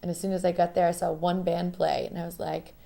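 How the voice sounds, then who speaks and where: Young woman from rhode island telling stories, lowish voice, bit of vocal fry, laid back. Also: quick pace. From Rhode Island, United States. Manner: chatty, laughing, relaxed storytelling. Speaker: singer-songwriter. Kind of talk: casual interview. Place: living room with piano.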